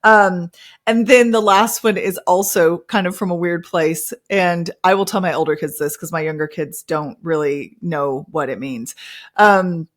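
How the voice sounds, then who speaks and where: A woman with a fairly low, slightly slow voice hosts a casual podcast monologue. A mother of several children, she tells personal stories in a chatty way and acts out playful quotes.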